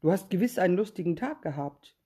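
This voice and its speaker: A woman's voice: fairly low pitch, expressive, fast talker, dark tone, breathy edge. A woman voicing a trusting, good-natured little female mouse, eager and wondering.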